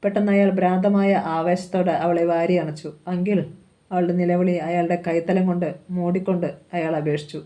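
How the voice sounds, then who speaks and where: Brief: woman narrating a novel aloud, low voice, mellow, steady and calm. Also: brisk, hardly any pauses. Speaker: novel reader.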